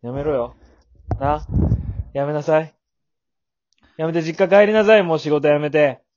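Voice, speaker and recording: A man co-hosting a casual podcast chat, scolding his partner in mock anger with sudden shouted jabs. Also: fairly high pitch, measured pace, dull audio. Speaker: podcast co-host.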